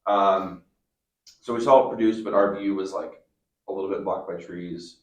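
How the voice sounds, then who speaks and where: Deep-voiced young man in an echoey room. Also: fairly even intonation, moderate pace. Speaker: storm chaser. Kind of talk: casual chat, reminiscing.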